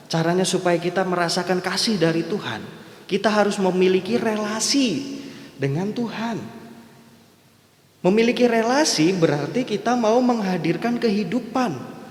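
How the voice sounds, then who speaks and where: A man preaching a sermon as a church elder, conversational and full of rhetorical questions. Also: high-pitched. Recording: echoey church hall.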